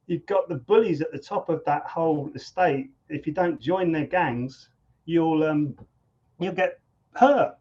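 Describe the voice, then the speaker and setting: A man, a guest musician telling stories in a conversational interview, animated and often repeating words as he thinks. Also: a little high. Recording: dull lo-fi sound.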